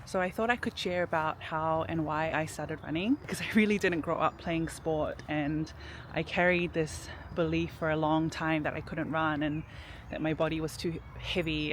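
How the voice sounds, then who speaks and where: A woman talks through her personal story in a relaxed, reflective way, dropping plenty of casual fillers. She records outdoors in a city park, with faint traffic behind her. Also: low-pitched. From New Zealand. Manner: reflective, chatty, frequent "like" fillers. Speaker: vlogger.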